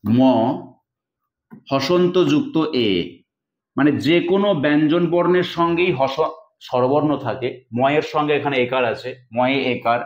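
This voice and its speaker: A man's voice: fairly high pitch, normal speed. A male teacher giving an exam-prep lesson, explaining step by step and asking and answering his own questions. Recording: echoey, dull lo-fi room sound.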